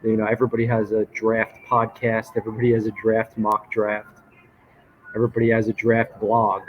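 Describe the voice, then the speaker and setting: A man's voice: fairly low pitch, completely flat delivery, fairly quick, slightly rough. A man talking casually as a sports reporter being interviewed live from a hotel lobby restaurant. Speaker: sports reporter, guest on a show. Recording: muffled, noisy hotel lobby ambience. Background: hotel lobby noise.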